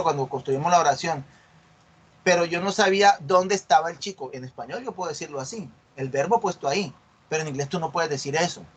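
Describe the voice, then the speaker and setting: A man gives a lecture in a slightly higher voice than most men. He explains patiently and keeps checking that his students follow with short tag questions. When he models English words, he slows down and repeats them loudly. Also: husky. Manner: drills English words slowly and loudly in repetition. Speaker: university teacher. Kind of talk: explanatory lecture on online class.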